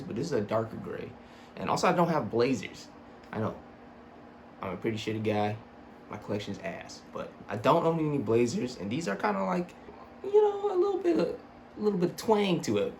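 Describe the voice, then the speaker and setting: A young man talks like a casual vlogger with a slight slur from his braces. He rambles and swears, putting himself down as he reviews, in a middle-pitched voice. Faint noise from the room sits behind him. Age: young adult. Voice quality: slightly slurred speech from braces. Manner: sweary, self-deprecating, rambling. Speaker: sneaker reviewer. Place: small home room with computer desk.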